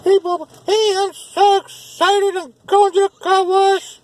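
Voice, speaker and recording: A woman's voice: extremely high pitch, little pitch movement, measured pace. A woman vlogger giving gushing, exclamatory commentary to viewers from inside a car going through a car wash, filmed on a handheld phone. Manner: gushing, exclamatory, baby-talk tone. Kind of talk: excited running commentary to viewers. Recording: loud car wash machinery noise.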